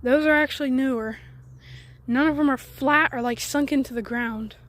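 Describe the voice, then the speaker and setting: A woman's voice: high voice, moderate pace, a bit bright. A woman hosting a casual walkaround vlog outdoors in the woods. She rambles in a chatty way and sometimes drops to near-whispers. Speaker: garage channel host. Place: outdoors in woods by an old truck.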